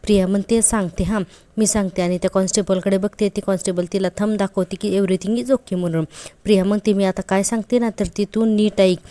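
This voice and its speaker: A woman's voice: medium pitch, fairly even intonation, brisk, mellow, no room sound. A woman retelling a TV serial episode in a chatty, casual way, quoting the characters' lines in her own voice and adding admiring asides. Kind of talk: casual episode recap narration.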